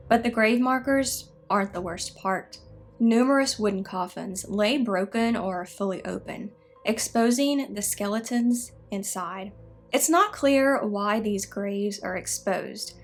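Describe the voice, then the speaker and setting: A woman tells spooky history as a scripted narrator. Her voice sits at an average pitch for a woman. She keeps a measured, explanatory delivery, with faint music playing behind her. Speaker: narrator of a haunted history show.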